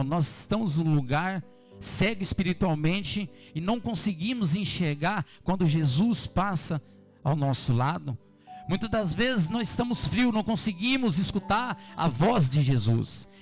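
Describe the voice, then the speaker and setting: A man with a Brazilian Portuguese accent preaching an evening church sermon, fervently repeating his calls to the congregation. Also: high voice. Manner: fervent, repetitive exhortation addressing the congregation. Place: church service.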